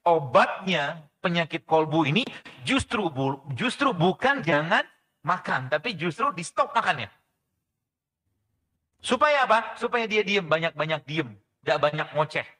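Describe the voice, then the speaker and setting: A man preaching a lively sermon to a congregation, often asking questions and answering them himself, sometimes slipping in English phrases. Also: a little high. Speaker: preacher and physician giving a religious health talk.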